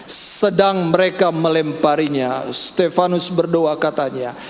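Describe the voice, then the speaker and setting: A man preaching a sermon as pastor, breaking into loud, high-pitched exclamations. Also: steady tone, measured pace. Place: large church hall. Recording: echoey church hall, faint room noise.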